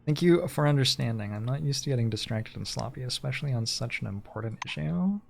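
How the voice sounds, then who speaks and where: Casting: man playing earnest, fussy engineer from game dialogue; formal, grumbling, creaky mid-pitched voice. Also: expressive, fast. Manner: formal, meticulous, complaining. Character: fussy, earnest male Soviet-minded communications engineer. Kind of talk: reading game dialogue aloud.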